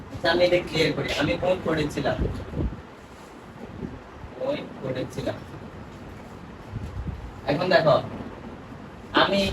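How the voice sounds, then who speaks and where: A man teaching a spoken grammar lesson, asking his student questions and repeating the answers. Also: sits high. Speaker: English teacher. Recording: echoey room from far off, noisy.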